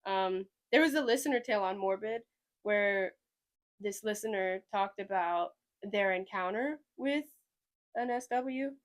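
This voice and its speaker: Unhurried and mid-range, the voice comes from a young woman from Sweden who has a slight Southern US twang. She hosts a podcast, keeping the casual chat rambling and full of hedges.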